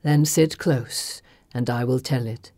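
An ancient, snake-haired female creature speaks in a low, dark voice, slow and grave as she recalls the past, put on by a woman reading a storybook aloud. The sound is close and dry. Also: no room sound, full character voice. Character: ancient sorrowful female serpent-haired creature, the last of her kind.

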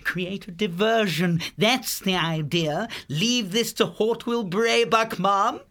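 A man's voice: high voice, slow, a bit bright, pitched above the performer's own voice, full character voice. A man voicing a greedy, posh young male hare who chatters in plummy upper-class slang. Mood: scheming.

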